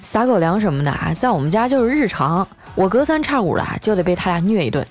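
A woman hosting a show, telling comic stories about her life in a chatty way, with lots of drawn-out filler particles. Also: medium pitch, big pitch swings, faint music behind. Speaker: host. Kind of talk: scripted comic storytelling.

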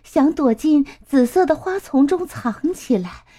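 A woman reading a children's story aloud, slow and expressive in a sing-song way. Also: sits high.

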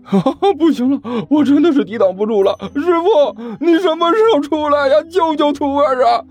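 A man voicing a frightened, whiny young male apprentice who pleads in a shrill, panicky voice in an audiobook. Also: animated, normal speed, darkish tone, soft background music. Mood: panicked. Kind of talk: audiobook character voice.

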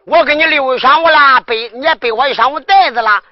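A man playing a sly, high-voiced beggar singer. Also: quick pace, dry recording. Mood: boastful. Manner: sly, teasing banter. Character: wily male beggar singer, cheeky and boastful. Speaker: comic actor. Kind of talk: comic sketch dialogue. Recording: dull lo-fi recording, faint hiss.

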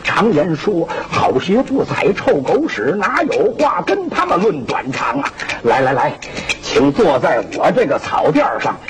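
A man with a Shandong accent voicing a kind, weary middle-aged male prisoner who speaks low and hushed, on a hissy old recording. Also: big pitch swings, unhurried, hardly any pauses. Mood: earnest.

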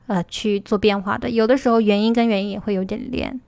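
A woman teaching English pronunciation in a livestream. She explains step by step, checks in with her listeners and slows down to model English words. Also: mid-range voice, steady tone, vocal fry, a little mellow, dry recording. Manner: explanatory, asks "对吧" to check understanding. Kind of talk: livestream lesson.

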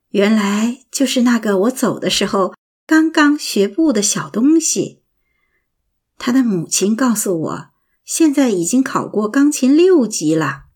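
A woman narrating a prose essay in a lilting, expressive reading voice. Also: fairly high pitch, a little slow. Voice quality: husky.

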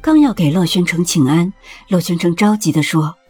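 Lady narrating a palace story, breathy voice, soft music under it. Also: fairly low pitch, lively intonation, normal speed. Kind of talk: scripted audiobook narration.

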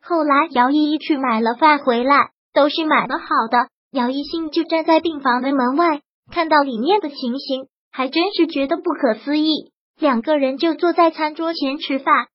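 A woman narrating a serial novel chapter as an audiobook, in a steady storytelling manner. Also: sits high, normal speed, dry recording, dull audio.

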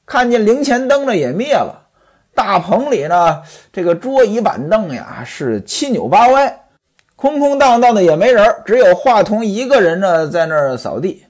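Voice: mid-range voice, sing-song, normal speed, a little mellow. A storyteller retelling a classic novel in a chatty, traditional oral style, stepping out of the tale with asides to the listeners.

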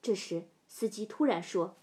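A middle-aged woman telling a first-person story, sinking to hushed whispers in tense parts. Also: mid-range voice, unhurried. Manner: dropping to hushed whispers in suspense.

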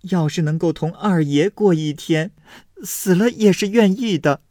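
Male reader voicing a high, sharp young maid, indignant and quick; dry recording. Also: no room sound. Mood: confessing. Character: sharp-tongued young maid, defiant and cornered.

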